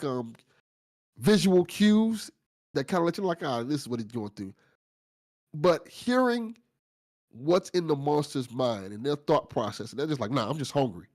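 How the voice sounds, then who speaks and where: Pitched on the high side with a darkish tone, this man hosts the casual after-show of a fiction podcast. His praise is gushing and loose, sprinkled with mild cursing.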